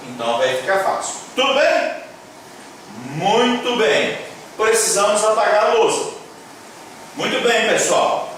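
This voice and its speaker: A man teaching a class in a slow, deliberate way, his fairly high voice swinging widely up and down as he repeats each key word. He keeps checking that his listeners follow and cheers them on. The voice sits well back from the mic in a very echoey room with faint background noise. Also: animated, fairly bright tone, recorded from a distance. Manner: repeats key words slowly, checks in with "tá?" and "certo?"; encouraging, addresses viewers as "minha gente". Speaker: Hebrew teacher. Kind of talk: classroom-style lecture at a board.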